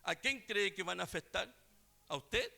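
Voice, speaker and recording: A male preacher telling a story in a sermon, swinging between quiet asides and loud exclamations. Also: sits high, lively intonation, moderate pace, vocal fry.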